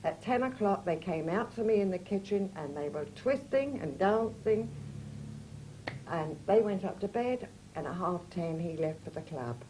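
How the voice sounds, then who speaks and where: A woman's voice: on the low side, lively intonation, normal speed, warm tone, slight background noise, low-quality recording. A woman interviewed about her late husband, recounting memories and acting out the dialogue of her story. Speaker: interviewee, widow of the subject.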